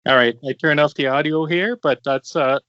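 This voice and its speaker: A man's voice: fairly high pitch, moderate pace, fairly bright tone, no echo. French Canadian man demoing over a call. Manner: casual, joking, many fillers. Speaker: demo presenter. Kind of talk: live software demo on a video call. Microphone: video call mic. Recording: dull, dry video-call audio.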